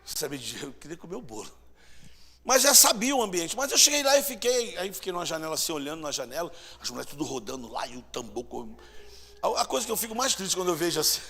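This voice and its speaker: A man preaching a sermon in a church, telling stories, swinging between loud bursts and hushed asides. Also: on the high side, creaky. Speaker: pastor. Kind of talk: sermon with storytelling. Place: church hall. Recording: church hall reverb, mic at distance.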